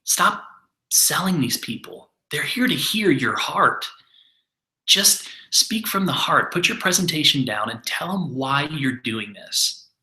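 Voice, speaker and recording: A man voicing his mentor's kind elderly mother as she softly coaxes her son. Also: fairly high pitch, animated, measured pace, reverberant, full character voice, rough recording. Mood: coaxing. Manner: soft, coaxing.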